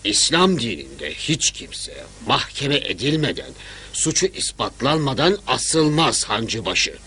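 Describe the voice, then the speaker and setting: An actor playing a grave, cautious governor in a period drama, speaking with formal authority. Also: male voice, mid-range voice, very animated, takes it slowly, pushed and bright, husky, full character voice. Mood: grave, questioning. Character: grave, cautious male governor of a historic city.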